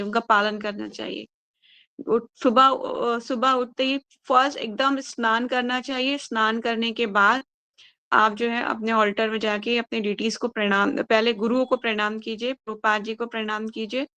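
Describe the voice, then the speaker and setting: A woman teaching a scripture class. She reads verses slowly and haltingly, then explains them to her listeners in a brisk, plain way. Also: a little high, fairly bright tone, clean tone, no room sound.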